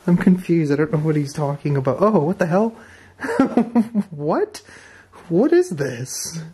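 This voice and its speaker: A man's voice: a little high, slow pace, breathy edge. Man exploring an abandoned house. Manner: excited, wondering remarks. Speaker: urban explorer host. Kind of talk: walkthrough vlog narration. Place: abandoned stone farmhouse, indoors.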